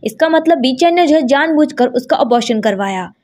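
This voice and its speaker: A woman narrating a drama recap in a brisk storytelling manner, quoting each character as she goes. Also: sits high, lively intonation, darkish tone. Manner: brisk retelling, quoting every character in her own voice.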